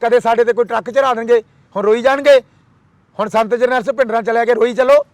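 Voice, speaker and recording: His voice is very high and steady in tone, with no echo at all. During an impassioned interview the man launches rhetorical questions and fiercely rattles off the same demands again and again in rapid lists.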